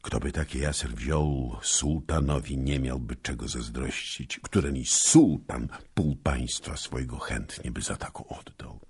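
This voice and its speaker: A man voicing a small, mocking knight and master swordsman who turns tender, with a deep gravelly voice. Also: fairly even intonation, unhurried, few pauses, exaggerated voice. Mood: earnest.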